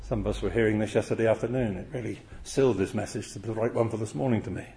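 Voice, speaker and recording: A man's voice: on the low side, racing, vocal fry, mellow. A man preaching an expository sermon, earnest and full of rhetorical questions.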